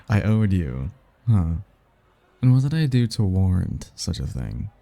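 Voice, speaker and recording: For ASMR-style audio roleplay, a man gives a full character voice as a smooth-talking, seductive demon prince who is playful, teasing, and bored. His low, gravelly, husky voice has a dark tone and is very animated, with a teasing, amused mood and a smug, drawn-out flirtatious delivery. There is no echo.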